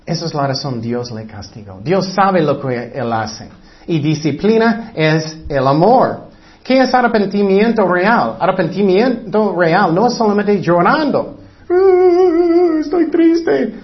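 A man's voice: high-pitched, expressive, a little slow. A man preaching a sermon as pastor, emphatic and repetitive, sometimes acting out short voices. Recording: dull lo-fi recording.

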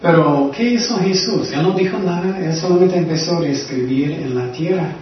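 Male Bible study leader, slightly high voice, questions the group, very reverberant distant recording. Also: normal speed, a little hiss or hum. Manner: asks listeners questions often. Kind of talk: conversational Bible teaching. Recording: very echoey, distant, dull room recording.

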